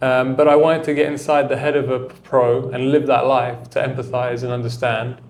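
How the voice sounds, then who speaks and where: A man speaking as a guest coach in a relaxed interview, thoughtful and unhurried in how he builds his points. His voice sits at a middling pitch, and his speech is dotted with casual filler words. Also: a little hiss or hum. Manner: reflective, loose with filler words. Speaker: tennis coach and mentor, guest.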